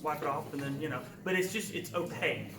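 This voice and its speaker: A man with a slightly high voice answers questions at a painting demo in a casual, self-deprecating way. He sounds distant in an echoey meeting room, and audience murmur runs beneath him. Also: lively intonation, fast talker, a crowd in the background. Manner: chatty and self-deprecating, laughs easily. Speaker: guest artist giving a painting demo.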